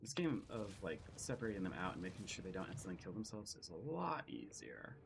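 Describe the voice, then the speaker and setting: A man's voice: sits low, sing-song, fast, creaky, noisy background. A man streaming a game, chatting casually and reading the game's text aloud with asides.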